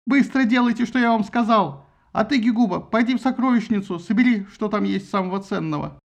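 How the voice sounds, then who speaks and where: A man playing a shrill, shouting old king. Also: fairly quick, creaky, muffled recording. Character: old grieving king, grumpy and hysterical.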